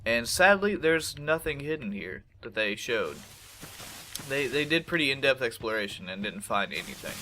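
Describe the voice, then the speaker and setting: A young man with a congested, lowish voice gives casual let's-play commentary over some background noise. He swears, jokes, and talks back to the game as he plays.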